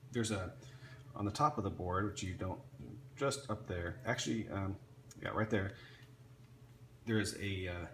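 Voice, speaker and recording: A man casually showing off an electronics kit he built, talking off the cuff with frequent restarts and fillers. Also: lowish voice. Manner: rambling, many restarts and fillers. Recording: echoey room with faint ambient noise.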